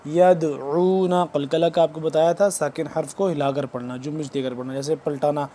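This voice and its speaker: Male Quran teacher, Pakistani Urdu accent; higher-pitched, soft mellow tone; brisk explanation broken by slow, drawn-out recitation. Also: steady tone, slight background noise. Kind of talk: tajweed lesson, spelling out letters.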